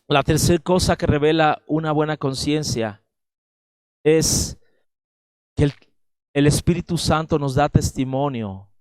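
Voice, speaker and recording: Mexican pastor preaching, emphatic, keeps checking in with the crowd, kinda high voice, dry sound. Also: male voice, darkish tone, no echo. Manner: emphatic preaching, addresses listeners directly with frequent "¿verdad?". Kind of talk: sermon.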